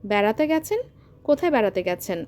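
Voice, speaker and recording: A woman voicing a curious young schoolteacher who asks gently prying questions in an audio story. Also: medium pitch, big pitch swings, a little fast, close to an everyday voice.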